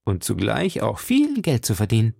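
A man's voice: fairly low pitch, wildly swooping pitch, normal speed, gravelly, a little mellow, husky, dry recording, studio quality, exaggerated voice. A man reading an audiobook, voicing an anxious, secretive young wife in a raised, urgent voice. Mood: urgent, coaxing.

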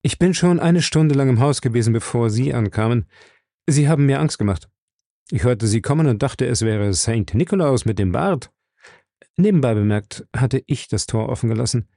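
A man's voice: medium pitch, lively intonation, moderate pace, warm tone, dry recording, clean studio sound, lightly acted. A man reading aloud, voicing a cheerful, sly American private detective in a raised, teasing voice. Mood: breezy.

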